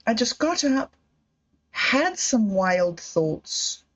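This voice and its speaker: A woman vlogger with a fairly high, sing-song, slightly bright voice draws out her words as she talks through her thoughts in a reflective personal monologue. She digresses often, laughs at herself, and sounds close to happy tears.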